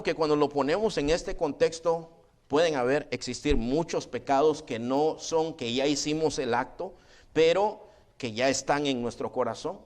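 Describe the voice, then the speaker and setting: A man preaching a sermon in a church. He speaks conversationally, often calling the congregation "brother" and asking "right?", and he slows down when he reads scripture aloud. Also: on the high side. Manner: conversational preaching, often adds "hermano" and "¿verdad?"; slow, deliberate congregational reading of scripture. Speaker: pastor. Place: church sanctuary.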